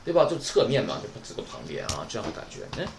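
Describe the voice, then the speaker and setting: Fast-talking man teaching. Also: fairly low pitch, very animated, a little hiss or hum. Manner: chatty, keeps asking "right?". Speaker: Japanese teacher. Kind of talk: online class lecture.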